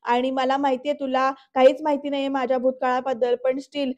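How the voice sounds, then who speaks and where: A woman's voice: high voice, flat delivery, a little fast, darkish tone, lo-fi sound, lightly acted. A woman reading a stern young businessman. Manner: curt, warning, bitter. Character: proud, angry young businessman, a man.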